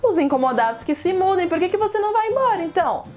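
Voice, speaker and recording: A woman's voice: very high-pitched, big pitch swings, fast, darkish tone, soft background music, pitched above the performer's own voice. A woman voicing an impatient, bossy male fish in a children's story, speaking sharply.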